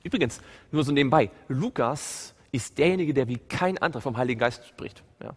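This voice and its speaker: This preacher speaks a little fast in a medium-pitched, slightly rough voice, his words trailing into long hall reverb. During his Bible study sermon he tells the story with animation, putting questions to the audience along the way.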